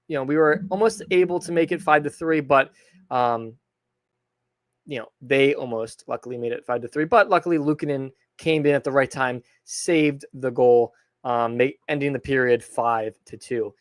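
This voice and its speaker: A young man from hosting a sports podcast, recapping a hockey game in a rambling, excitable way with lots of fillers. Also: mid-range voice, dry recording, studio quality. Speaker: podcast host. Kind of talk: casual sports recap monologue.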